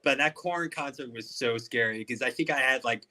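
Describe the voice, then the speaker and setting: Bright, forceful man chatting about music. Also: medium pitch, normal speed. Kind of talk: casual music chat.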